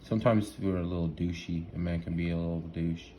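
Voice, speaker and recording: A man with a deep, low voice talks in a loose, excitable ramble. He restarts his sentences, stacks up fillers and keeps checking in with "right?". A faint noise sits under the recording. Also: a little fast. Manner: loose, excitable, laughs at himself. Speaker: solo vlogger. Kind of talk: rambling casual monologue.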